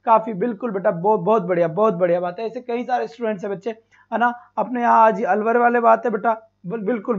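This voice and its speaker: A male teacher runs a live online exam-prep class, calling students "beta" and repeating sounds slowly. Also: very high voice. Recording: dull lo-fi stream.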